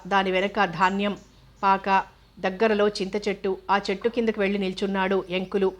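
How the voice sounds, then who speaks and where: A woman narrating a novel in a steady, even reading voice. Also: medium pitch. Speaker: audiobook narrator.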